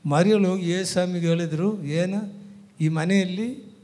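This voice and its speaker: A man preaching a sermon in a Kannada accent, dramatic, swinging between soft tender lines and loud bursts with frequent hallelujahs. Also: high voice, a little slow. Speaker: pastor.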